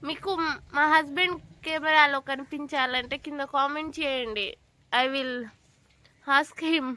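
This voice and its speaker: Very high, bright-voiced woman vlogger. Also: measured pace, a little hiss or hum. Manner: playful, teasing, coaxing. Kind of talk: casual home vlog chat.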